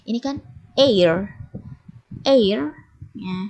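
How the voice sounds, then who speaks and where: An English teacher with an Indonesian accent giving a patient lesson to young teens, repeating each word slowly for the class to echo. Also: female voice, mid-range voice, animated, mellow, muffled recording.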